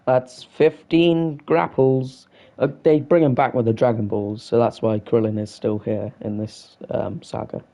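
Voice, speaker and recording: A man's voice: lowish voice, steady tone, moderate pace, vocal fry, hardly any pauses, warm tone. A young man casually chatting and swearing freely while live-streaming a video game.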